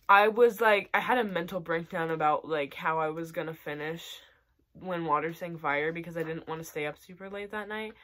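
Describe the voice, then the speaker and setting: A woman's voice: fairly low pitch, fairly bright tone. A young woman chatting casually about the books she read this month, with lots of "like" and "um" and some laughter. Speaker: book vlogger. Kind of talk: casual monthly reading wrap-up.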